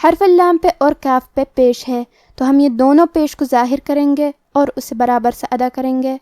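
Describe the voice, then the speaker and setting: A woman teaching a recitation lesson, explaining each rule and then reciting the words slowly and drawn out. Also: high-pitched, fairly even intonation, mellow, no echo, studio quality. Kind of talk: tajweed lesson.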